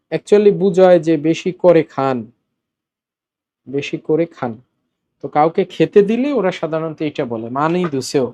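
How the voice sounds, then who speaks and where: A man teaching a Korean lesson in Bengali, explaining step by step, repeating words slowly and asking the class questions. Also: fairly high pitch, dark tone. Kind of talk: classroom-style language lesson.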